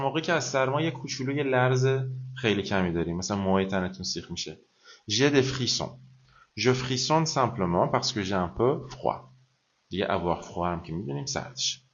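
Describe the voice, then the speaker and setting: A man teaching a live online vocabulary lesson, chatting in Persian and slowly repeating phrases for pronunciation practice. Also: medium pitch, fairly bright tone, lo-fi sound. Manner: slow, careful pronunciation drills, repeating each phrase; explains in conversational Persian, mixing French and English phrases. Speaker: French teacher.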